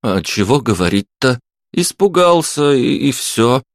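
A man's voice: mid-range voice, sing-song, unhurried, no room sound, pitched above the performer's own voice. A frightened, spoiled young rich boy, as a male reader puts him on, stammering and whining for mercy. The voice is pushed well above the reader's own, thin and pleading. It is heard in a dry, close audiobook recording. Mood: scared, stammering. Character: terrified young man, rich boy, cowardly. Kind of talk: audiobook character voice.

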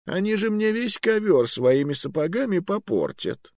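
A man performs an old male wizard magister in a high, very animated voice pitched above his natural one, slightly mellow, at normal speed. The character is genial, polite and coolly ruthless, drawling mildly and courteously even as he orders deaths, with a mildly cruel mood. The studio-quality recording has no room sound.

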